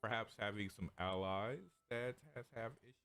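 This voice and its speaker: A man's voice: lowish voice, fairly even intonation, moderate pace, fairly bright tone, clear, resonant tone. A man speaking formally as a tabletop game player over an online call. His audio cuts out and the volume is uneven, and he hesitates with fillers. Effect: audio cutting out, uneven volume.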